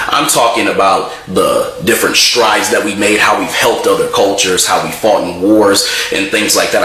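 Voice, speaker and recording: A man's voice: low-pitched, sharp tone, reverberant, rough recording. A man steadily listing his points in a spoken opinion.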